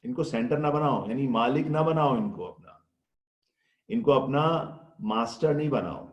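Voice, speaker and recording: A man giving a Ramadan sermon in a lively storytelling manner, acting out the voices he quotes. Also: mid-range voice, muffled recording. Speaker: Islamic scholar giving a Ramadan lecture. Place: Ireland. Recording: echoey room.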